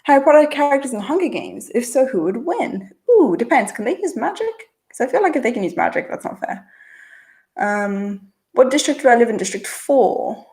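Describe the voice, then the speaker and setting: A woman with a high-pitched, darkish voice that swings widely in pitch answers viewer chat as a channel host on a livestream. Reading questions aloud in a mixed international-school accent, she chats casually and answers quickly, often filling pauses with "uh" and "um."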